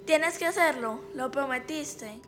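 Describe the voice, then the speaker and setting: A woman's voice: high-pitched, unhurried, noisy background. A woman playing a bossy big-sister girl. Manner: insistent, tells spooky tales in a hush. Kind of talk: storybook character voice. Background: music.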